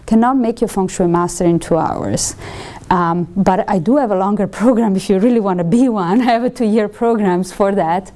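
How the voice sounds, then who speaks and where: A woman from Italy with an Italian accent, giving a conversational lecture to students and often pausing with ums and correcting herself. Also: medium pitch, dark tone. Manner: conversational teaching with frequent ums and self-corrections. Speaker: feng shui instructor.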